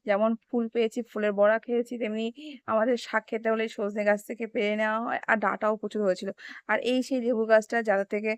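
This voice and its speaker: A young woman with a hoarse voice from a cold, chatting casually as she walks viewers through an overgrown garden. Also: medium pitch, dry recording. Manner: chatty, pointing things out to viewers. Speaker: vlogger. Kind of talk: casual walking-tour vlog. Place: outdoors in a garden.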